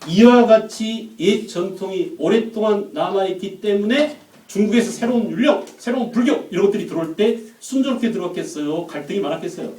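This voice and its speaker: A man lectures on history to a live class, often stopping to question the room. His voice sits high yet mellow. He is picked up from some distance away, and the room rings with echo. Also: a little fast, slight background noise. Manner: questions the class and acts out quotes. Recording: echoey room, mic at a distance.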